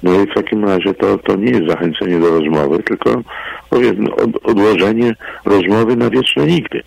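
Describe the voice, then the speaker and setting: A man's voice: on the low side, normal speed, gravelly, a little mellow, breathy edge, rough recording. A man, an English teacher, chatting as a radio guest, telling anecdotes and laughing often. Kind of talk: radio chat. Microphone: studio microphone.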